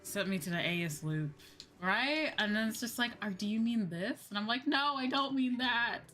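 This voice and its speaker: Gaming on a livestream as a VTuber, a woman talks in a somewhat high, sharp-toned voice at a moderate pace, with faint music behind her. She's casual and blunt, swears freely, and hammers her points home by repeating them.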